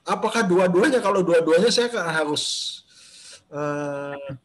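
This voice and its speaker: A pastor with a slightly high voice teaches a Bible study on a video call, speaking straight to the group through the call's microphone. His speech is a little slow but lively in intonation, casual and conversational, with fillers and false starts.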